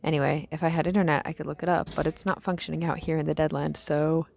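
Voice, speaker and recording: A woman voices a tired young survivor recording an audio diary for a fictional drama, speaking in a low, dark, mellow tone thick with vocal fry. Her halting, subdued musings fade out breathily, with little pitch movement and faint background noise. She sounds weary and resigned in this scripted monologue.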